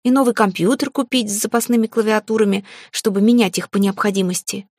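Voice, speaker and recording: Gravelly woman narrating an audiobook. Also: medium pitch, fast talker, darkish tone, dry recording, clean studio sound. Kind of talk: first-person audiobook narration.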